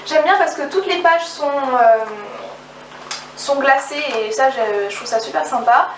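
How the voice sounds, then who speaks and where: A young woman with a high voice talks casually and eagerly about her book purchases, stumbling over her words and starting sentences again. She is recorded from a little way off in an echoey room at home, with faint noise in the background. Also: a little slow. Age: young adult. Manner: chatty, hesitant, restarts sentences, enthusiastic. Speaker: book vlogger. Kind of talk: casual book haul vlog. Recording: roomy, slightly distant mic, faint background noise.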